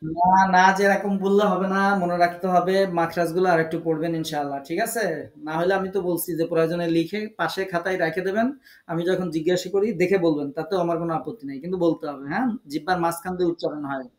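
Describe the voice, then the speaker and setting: With a high voice and steady tone, a man talks fast while teaching recitation online over video. His Bangladeshi Bengali accent comes through as he patiently quizzes, encourages, and corrects students' pronunciation, all in an echoey, low-quality recording.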